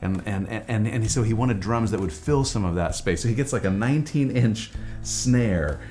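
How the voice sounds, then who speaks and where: Over soft background music, a man with a voice on the low side, a little mellow, talks at a normal pace. He's a musician and Anglican priest narrating the making of his record in a casual, enthusiastic video-diary style, saying "like" and "dude" a lot.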